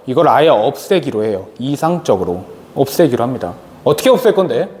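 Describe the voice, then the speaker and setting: A man's voice: a little high, a little mellow. A man teaching a chemistry lecture, asking questions and answering them himself. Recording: long reverb, faint noise.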